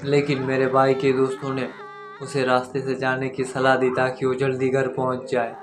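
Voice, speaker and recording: A man narrating a scripted first-person horror story in a measured, monotone way, addressing his listeners directly as the channel's host. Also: mid-range voice. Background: faint background music.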